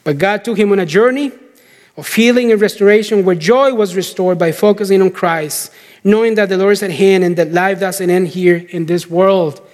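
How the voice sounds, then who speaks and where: A man with a fairly high voice speaks from what sounds like a big hall, with long reverb trailing his words. He delivers a sermon as a story, in measured phrases broken by deliberate pauses. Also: darkish tone. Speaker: preacher.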